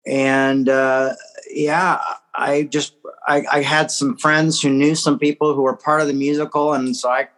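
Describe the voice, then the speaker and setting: A man's voice: a little high, flat delivery, a little slow, fairly bright tone, rough recording. A man in his forties, a podcast guest, rambling with many fillers and small laughs. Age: 40s. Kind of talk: casual interview chat.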